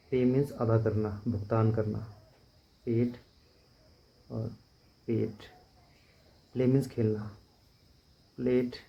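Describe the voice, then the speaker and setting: A man teaching English vocabulary in a steady, repetitive drill, spelling words out letter by letter. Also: mid-range voice, vocal fry. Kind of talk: vocabulary lesson. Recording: dull lo-fi recording.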